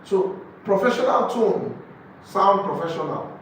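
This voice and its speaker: Here a real estate sales trainer speaks with a Nigerian accent in a high, sing-song, fairly bright voice, going a little slowly. During this live group lecture he's emphatic, repeats key phrases, and poses rhetorical questions; the room echoes, the mic is distant, and there's faint noise.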